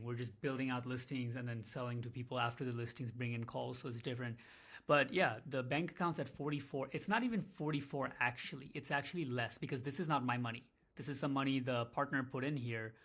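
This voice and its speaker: A man's voice: medium pitch, bright, forceful tone. A man talking candidly in a casual vlog about his small business, rambling, swearing and running himself down. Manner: rambling, candid, profane, self-deprecating. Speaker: small business owner vlogging.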